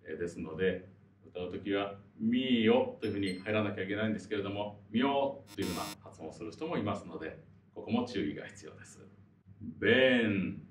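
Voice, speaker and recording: A man's voice: deep voice, racing, echoey room, distant mic, slight background noise. A man teaching singing, explaining pronunciation politely with many fillers. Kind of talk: explanatory lesson.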